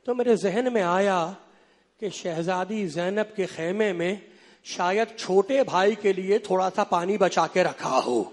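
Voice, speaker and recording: A man delivering an impassioned mourning sermon, half chanting and crying out in sing-song wails that rise to shouts. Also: sits high. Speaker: preacher reciting a mourning sermon. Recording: long hall reverb with faint crowd.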